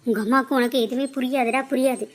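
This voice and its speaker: A woman's voice: high-pitched, steady tone, rapid-fire. A woman as a fierce, accusing mother. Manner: confrontational, accusing. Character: fierce middle-aged mother defending her daughter.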